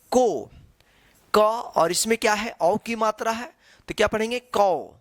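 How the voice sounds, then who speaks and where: A man teaching as an online tutor, explaining step by step and asking rhetorical questions before each answer, with drawn-out syllables. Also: sits high, a bit bright, no room sound, studio quality. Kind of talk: slow, patient classroom instruction.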